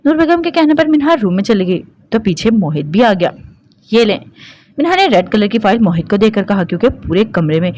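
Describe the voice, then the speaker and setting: A woman reads a romance novel aloud in a steady, even narrating voice. Her pitch sits in an ordinary middle range for a woman. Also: hardly any pauses.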